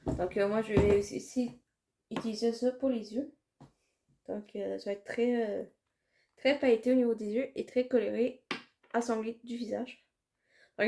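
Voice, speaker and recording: A woman's voice: a little high, mellow, slight background noise. A woman with a Quebec French accent chatting casually through a makeup tutorial, rambling and hesitant with many fillers. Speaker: makeup vlogger.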